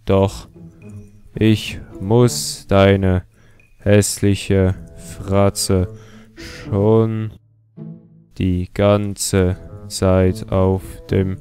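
Young male YouTuber, low voice, slow delivery, sarcastic and mocking. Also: dark tone. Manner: mocking, sarcastic, laughs often. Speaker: YouTuber host. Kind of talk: comedic commentary on a chat.

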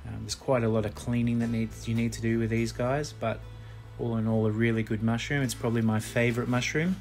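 A man, a cafe chef chatting casually outdoors about foraging, relaxed and full of ums. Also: mid-range voice, fairly quick, soft background music. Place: outdoors on the coast and in pine woods.

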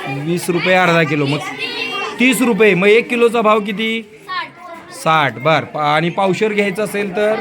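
A male school teacher touring an outdoor school market, briskly coaxing children with quick prompts. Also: sits high, expressive. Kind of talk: walking tour of a school market stall by stall. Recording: noisy crowd of children outdoors.

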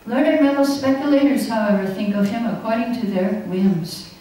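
An older woman's fairly high, mellow voice proceeds at a moderate pace while she gives a talkative scripture class rich in anecdotes, often breaking into laughter. A little hiss or hum is audible in this distant recording from an echoey indoor hall, where she uses a podium mic on a stand.

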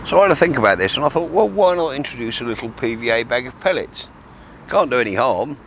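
A man's voice: mid-range voice, lively intonation, quick pace, a little hiss or hum. A man, talking casually to camera while fishing from a riverbank, rambling with fillers and restarts. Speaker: fishing vlogger. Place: outdoors on a grassy riverbank by calm water. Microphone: camera mic from a few metres away, speaker often turned aside.

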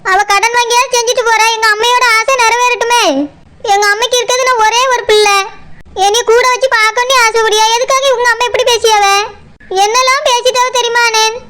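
In a cartoon comedy scene, a woman voices a pregnant young village wife who is upset and stubborn, complaining insistently in a Tirunelveli Tamil accent. Her voice is extremely high-pitched, delivered flatly, briskly and sharply, and she sounds aggrieved.

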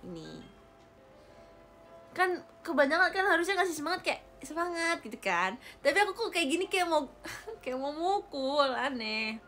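Giggly high-voiced young woman streamer. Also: big pitch swings, normal speed, a bit bright, soft background music. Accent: Indonesian. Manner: giggly, playful, chatty. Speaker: idol live streamer. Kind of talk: casual chat reading viewer comments. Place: indoor room, air-conditioned. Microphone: phone or webcam livestream.

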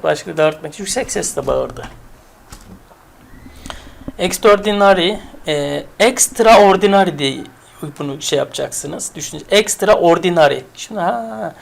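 A woman's voice: fairly low pitch, creaky, darkish tone, slight background noise. A woman teaching English vocabulary in a casual, chatty way, repeating words and building memory tricks. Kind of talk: casual spoken lesson.

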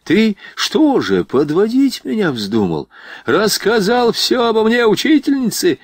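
A gruff, hot-tempered lieutenant, as a male reader puts him on, barking threats in a loud, raised voice. The pitch swings widely, and the recording is dry and close. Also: big pitch swings, a little slow, dry recording, full character voice. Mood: angry. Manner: roaring, threatening.

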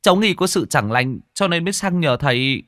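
A man's voice: on the high side, animated, fairly quick, fairly bright tone, no echo, studio quality, pitched above the performer's own voice. A man voicing a breathless frightened young villager. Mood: anxious. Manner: breathless, urgent.

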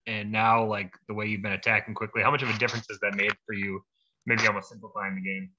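A male sports reporter asking a casual, halting question at a press conference. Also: lowish voice, flat delivery, very noisy. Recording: muffled, dull lo-fi sound.

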